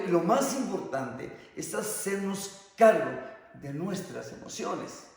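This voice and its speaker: A priest in his sixties giving a sermon, emphatic and drawing out key words slowly. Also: fairly high pitch. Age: 60s. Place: church. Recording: echoey church with long reverb.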